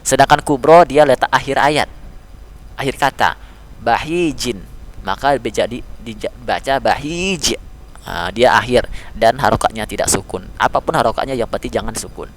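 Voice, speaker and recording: A man teaching tajweed, repeating letter sounds slowly and patiently, speaking as a father figure to his pupils. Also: mid-range voice, slight background noise. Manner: calls listeners "nak", speaks as a father figure. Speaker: Quran recitation teacher. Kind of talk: tajweed lesson.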